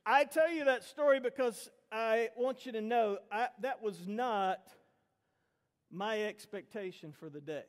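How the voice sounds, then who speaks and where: A middle-aged man preaching a sermon built around a story, animated and acting out the voices of the people in it. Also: sits high, unhurried, long reverb tail. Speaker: pastor.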